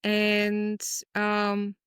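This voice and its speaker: A Bulgarian-born woman, a guest poet, talking in a reflective, measured way in an interview. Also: mid-range voice, monotone, a bit bright, clean tone, no room sound, studio quality. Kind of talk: conversational interview.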